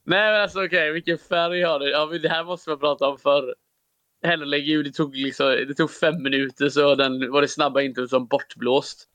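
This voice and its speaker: A man's voice: a little high, little pitch movement, fairly bright tone, dry recording. A man co-hosting a podcast in casual chat, teasing and joking with his friend. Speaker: podcast co-host.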